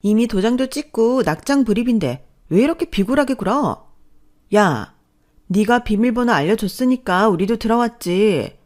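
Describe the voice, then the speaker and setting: A woman voicing a brash sister-in-law who sneers loudly and threatens. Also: a little high, expressive, moderate pace, voice pushed up, lightly acted. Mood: sneering. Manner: sneering, loud.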